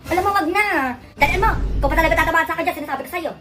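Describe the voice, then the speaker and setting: A woman playing a quick-tempered mother who scolds her child in a comedy skit. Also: very high-pitched. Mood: scolding. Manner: scolding, exasperated, rapid-fire. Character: scolding nagging Filipino mother, middle-aged, quick-tempered. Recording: background music under the voice.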